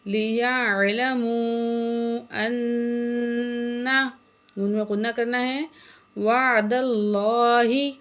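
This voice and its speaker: A woman teaching Quran reading, spelling out letters and vowel marks, then reciting each word slowly, with quick explanations and frequent checks on the learner. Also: medium pitch, gravelly, a little mellow.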